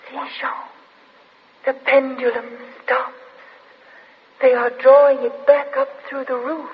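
Devoted high-voiced woman, echoing radio drama. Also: flat delivery, unhurried. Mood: tender concern. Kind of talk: old radio drama acting. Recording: echoing, dull old radio broadcast.

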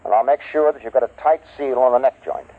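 A man's voice: mid-range voice, steady tone, fast, natural voice. An actor playing an urgent male major who leads a station through a crisis, in 1950s radio drama style on a tinny old broadcast. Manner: urgent, explanatory. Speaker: base officer and scientist.

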